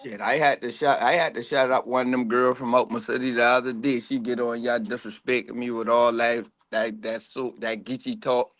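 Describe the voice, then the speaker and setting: A man's voice: medium pitch, fairly bright tone, no echo. A man in casual chat, slangy and joking, often repeating himself.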